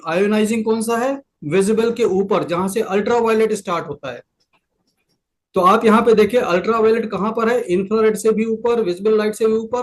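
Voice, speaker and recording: High-voiced Indian man explaining on a call. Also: low-quality recording. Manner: explanatory, repeats key points, mixes English terms into Hindi. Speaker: presenter explaining a product's science. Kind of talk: online presentation sharing a screen. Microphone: computer mic on a video call.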